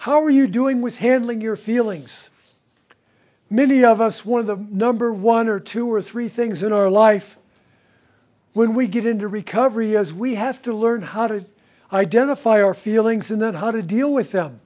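An older male counselor with a high voice leads a recovery class for a group, speaking at normal speed. He is animated, gestures freely, and often uses tag questions. He's filmed at medium distance in a room with a whiteboard.

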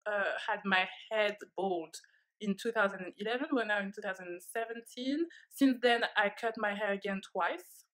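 Seated on a leather sofa in her living room, a young French vlogger with a French accent talks casually to camera. Her mid-range voice is a bit bright at a moderate pace, candid and reflective with frequent fillers, on a rough recording.

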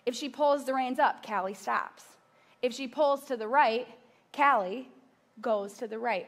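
A woman in her thirties preaches from a large church stage, her voice sitting a little high. She tells personal stories in a loose, conversational way, tossing asides to the congregation as she goes. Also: fairly bright tone. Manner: conversational storytelling with asides to the audience. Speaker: pastor. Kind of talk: sermon.

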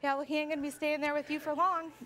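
A woman's voice: sits high, level tone, racing, a bit bright. A woman guest on a talk show, accusing and defensive in a heated confrontation.

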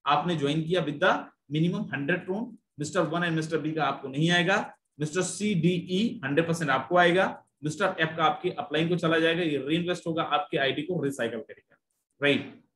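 Persuasive man pitching a plan, echoey room. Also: moderate pace, fairly bright tone. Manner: persuasive, repeats figures, mixes English phrases, often says "my friend". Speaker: presenter of an investment plan. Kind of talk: sales pitch presentation.

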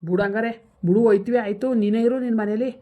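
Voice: medium pitch, fairly even intonation, very fast, close to an everyday voice. A performer playing a grown son in a rural comedy skit, pleading with and placating his angry mother. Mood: exasperated. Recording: dull lo-fi recording.

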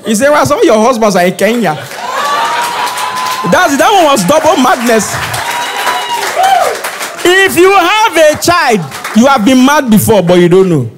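A Nigerian man performing stand-up comedy, animated, shouting out his punchlines. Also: very high voice, unhurried, pauses often, crowd noise.

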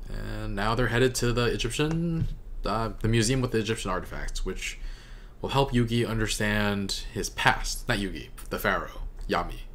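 Recorded indoors at home on a close desk microphone, a young man hosts a laid-back reaction commentary. He has a lowish voice with a fairly bright tone.

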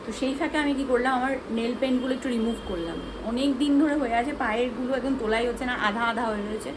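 A woman's voice: a little high, rapid-fire, background noise. A young woman chatting casually in a home vlog, narrating what she is doing as she goes. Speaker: vlogger.

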